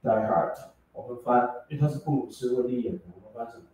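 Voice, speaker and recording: A man's voice: medium pitch, fast talker, a little mellow, a little hiss or hum. Guy teaching english to a class, cracks jokes at students, mic far off, super echoey room. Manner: joking, teasing students, mixing English words into explanations. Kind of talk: classroom lecture.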